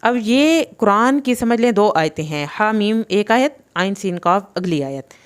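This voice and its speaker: A woman teaching Quran recitation in a patient, explanatory way, drawing out letter sounds slowly. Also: medium pitch, expressive, clear, resonant tone. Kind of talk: tajweed lesson.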